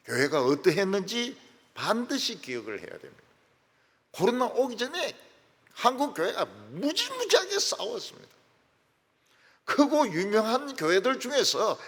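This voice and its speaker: A male pastor preaching a sermon with emphatic swings between loud peaks and soft drops. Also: sits high, very animated, normal speed, pauses often, slightly rough. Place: church sanctuary. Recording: long reverb of a large church hall.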